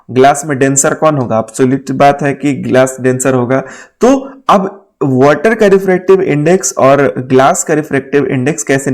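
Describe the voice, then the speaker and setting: A man's voice: medium pitch, a little mellow. A man teaching physics for an exam, talking casually, mixing English terms into Hindi and often checking "है ना?". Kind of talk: exam-prep lecture. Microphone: writing on a board while talking.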